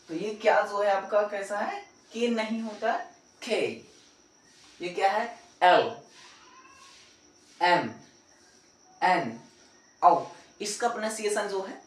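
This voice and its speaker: A man leads a pronunciation lesson at a slow, deliberate pace. He asks his own questions, answers them, and repeats each sound several times. His voice carries a roomy echo from a mic set well away from him. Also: sits high, distant mic. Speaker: English teacher. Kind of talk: classroom-style pronunciation lesson.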